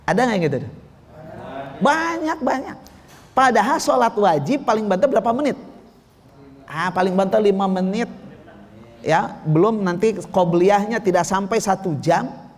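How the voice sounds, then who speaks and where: A man preaching a religious lecture, telling stories and asking the audience questions. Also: high voice. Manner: lively, asks the audience questions. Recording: long hall reverb.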